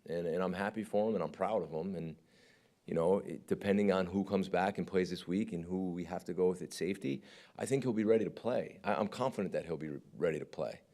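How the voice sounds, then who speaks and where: Male defensive coordinator, very deep voice, frank press-conference talker. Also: fast talker, dark tone. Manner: candid, conversational, often asks "right?".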